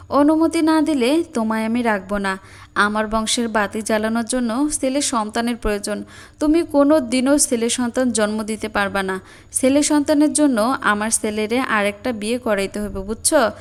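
A woman's voice: a little high, lightly acted. A woman voicing a harsh, domineering older mother-in-law who scolds and threatens bluntly.

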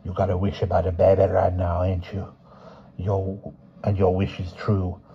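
A man voicing an ancient female fortune teller who speaks slowly and deliberately in rhythmic, cajoling phrases. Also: deep voice, completely flat delivery, slightly rough, muffled recording, heavily acted. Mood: ominous. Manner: slow, deliberate, rhythmic speech.

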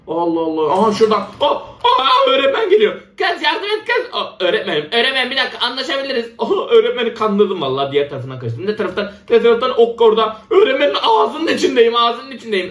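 Excitable high-voiced man, a bit under the weather. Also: reverberant. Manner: excitable, exclaiming, laughs often, talks to viewers. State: slightly ill, voice a bit rough. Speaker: gaming channel host. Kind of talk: excited game commentary.

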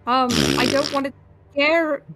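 A nervous, polite adventurer cook stumbling over words, as a woman plays the part. The voice sits high and sounds hesitant and flustered. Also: fairly even intonation, a little slow, fairly bright tone, a little hiss or hum.

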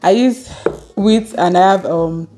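A woman's voice: fairly low pitch, unhurried, warm tone, slight background noise. A young woman, telling a casual story to her channel while eating on camera. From Nigeria. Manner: chatty, laughing, eating on camera. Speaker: vlogger.

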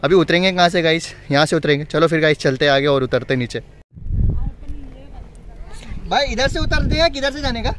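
A young man hosts an exploring vlog among outdoor ruins, excitedly urging his friend along. His voice sits fairly high. A handheld phone catches him with loud outdoor noise all around. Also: fairly quick, long pauses. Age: young adult. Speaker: vlogger host. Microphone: phone camera, handheld.

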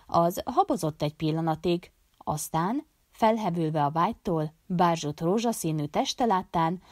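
A woman narrating an audiobook in a steady, measured reading voice. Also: on the low side, dry recording, clean studio sound. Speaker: audiobook reader.

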